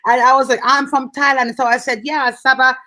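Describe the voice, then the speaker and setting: A Jamaican woman hosting a casual live interview, telling stories with lively acted-out dialogue. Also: high voice, fairly quick. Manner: lively storyteller, acts out voices in her anecdotes.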